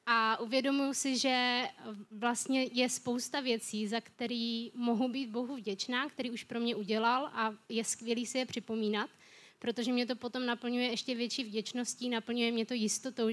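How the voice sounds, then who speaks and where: A woman's voice: on the high side, fairly even intonation, fairly bright tone. A young woman earnestly describing her prayer journal and gratitude to God. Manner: earnest, reflective. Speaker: youth group member sharing a testimony. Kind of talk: personal faith sharing.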